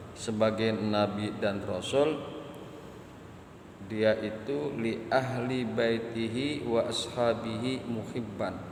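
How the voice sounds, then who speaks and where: A man delivers a sermon in an unhurried, deliberate way, repeating his phrases and chanting Arabic lines. His voice rings in a long, echoey hall with a faint hum of ambience behind it. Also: medium pitch. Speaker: Islamic preacher.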